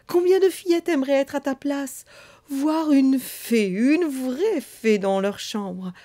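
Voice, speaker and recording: A woman voicing a gentle fairy who grows flustered and stammers in a storybook reading. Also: high voice, slow, pitched above the performer's own voice. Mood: coaxing. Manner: hesitant, stammering.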